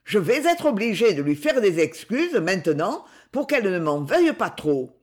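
A woman's voice: medium pitch, very animated, moderate pace, slightly rough. A woman reading aloud voices a sardonic, scheming young man in an audiobook, mocking in tone.

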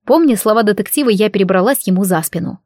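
A woman narrating a novel in the first person, with steady, engaged storytelling. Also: mid-range voice, fast, no echo, studio quality. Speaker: audiobook narrator.

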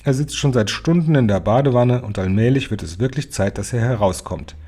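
Guy doing a cool, gracious old granny, warm and soft. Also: mid-range voice, brisk, husky, lightly acted. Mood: composed. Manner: calm, politely composed. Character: calm, gracious elderly grandmother.

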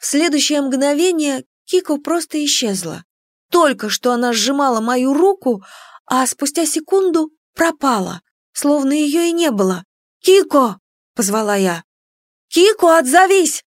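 Female audiobook narrator, first person, expressive, slightly high, dry close sound. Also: moderate pace, no echo. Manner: expressive, emotional reading.

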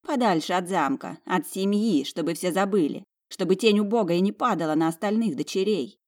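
A woman's voice: fairly low pitch, moderate pace, darkish tone, close to an everyday voice. A woman voicing a spiteful, sneering young noblewoman in an audiobook, taunting her sister.

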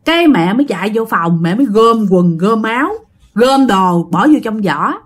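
A woman's voice: medium pitch, lively intonation, moderate pace. A woman casually retelling a ghost story and speaking directly to her listeners. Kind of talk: spoken ghost story narration.

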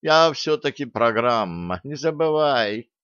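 A man's voice: mid-range voice, expressive, measured pace, fairly bright tone, clean tone, no room sound, highs cut off. A man voicing a cheeky female gnome hologram, the ship's program, talking in a gleeful, gossipy way.

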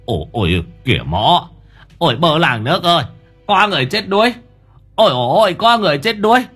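A man voicing a panicked one-armed village man who shouts frantically for help, his voice pushed high. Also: big pitch swings, a little slow, slightly rough, soft background music, heavily acted. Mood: panicked shouting.

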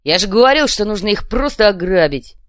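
A woman's voice: on the low side, measured pace, smooth, no echo, clean studio sound, close to an everyday voice. A woman voicing a blunt, swearing male goblin thug in an audiobook reading. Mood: blunt rough. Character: thuggish male goblin bodyguard, blunt and rough.

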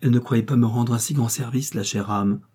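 A man's voice: medium pitch, a little fast, mellow, breathy edge, close to an everyday voice. A man voicing a grave, restrained young widow who works as a lacemaker, in a storybook reading.

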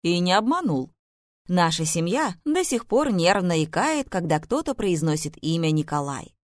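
A woman narrates an ironic first-person novel as an audiobook. Her lowish voice moves lively and expressively through the lines. The close studio recording is dry. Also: normal speed, no room sound.

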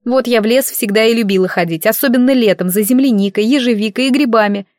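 Woman playing a crying teenage village girl, high voice, dry close sound, sobbing and pleading. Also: fast talker, darkish tone, no echo, lightly acted. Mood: tearful.

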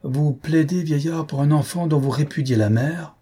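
Proud, calm chevalier, read by a man, firm delivery, husky edge. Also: a little high, normal speed, voice pushed up. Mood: reproachful. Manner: firm, reproachful. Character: proud young male chevalier, calm and dignified.

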